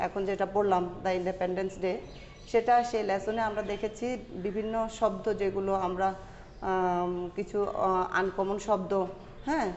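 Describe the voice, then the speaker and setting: A Bengali-speaking woman teacher with a Bangladeshi accent, slowly reading a passage and repeating vocabulary words for an online class. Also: medium pitch, darkish tone, a little hiss or hum. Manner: slow deliberate reading, repeats each word twice. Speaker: school English teacher. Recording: dull lo-fi audio in a reverberant room.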